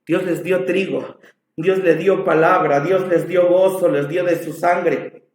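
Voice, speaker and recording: Mexican male pastor, passionate sermon, fairly high voice, echoey church room. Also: fairly even intonation, takes it slowly. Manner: passionate, dramatic storytelling.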